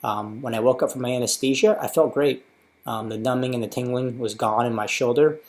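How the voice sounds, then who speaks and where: A man's voice: medium pitch, fairly even intonation, brisk. A man in his thirties with an American accent, talking casually and matter-of-factly in an informative personal video diary. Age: 30s. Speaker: patient sharing his surgery experience.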